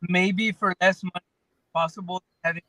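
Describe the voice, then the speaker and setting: A high, bright-voiced man talks fast in quick, broken-off phrases over a choppy remote line. His words keep cutting out mid-sentence, and the sound is close and dry. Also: steady tone, no echo. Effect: choppy connection with words cut off mid-sentence. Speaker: panelist calling in remotely. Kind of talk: casual sports chat. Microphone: remote call line.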